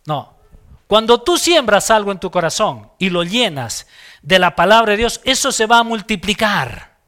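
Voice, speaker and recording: A man's voice: sits high, sing-song, moderate pace, sharp tone. A man preaching a sermon as pastor, emphatic and acting out little dialogues.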